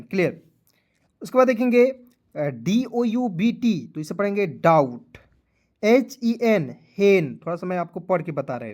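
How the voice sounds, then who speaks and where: A man teaches a video lesson while tired. He spells words out one letter at a time, then pronounces them slowly. He checks in with his viewers often and speaks to them as friends. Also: high-pitched, darkish tone. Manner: keeps addressing viewers as friends, checking "clear?".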